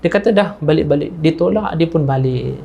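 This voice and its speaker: Malaysian male preacher, mellow tone, lively storytelling sermon with voiced characters. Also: fairly quick, gravelly. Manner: animated storyteller, acting out characters with raised pitch. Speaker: ustaz preacher.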